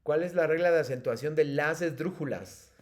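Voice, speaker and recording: Mexican man teaching an online class, mellow voice. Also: fairly high pitch, normal speed. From State of Mexico. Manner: patient, explanatory, many fillers.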